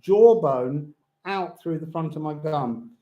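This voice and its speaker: Slow and dark-toned, this fairly high-voiced man hosts a casual live stream from indoors at home, reading tarot and astrology in a rambling, whimsical way and slipping into snatches of song. His speech is a bit slurred from toothless gums, and the audio sounds dull.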